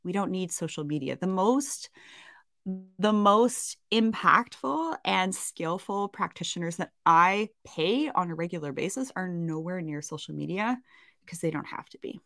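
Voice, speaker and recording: Chatty Canadian woman, low and dry. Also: animated, normal speed, pushed and bright, dry recording. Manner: chatty, self-mocking, rambling asides. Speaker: podcast co-host. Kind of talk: casual podcast chat.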